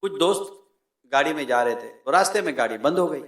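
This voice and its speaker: A man delivers a sermon with an animated, emphatic manner, often swelling to loud peaks. His voice sits fairly high for a man. The sound carries a noticeable room echo. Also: fairly quick. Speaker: preacher.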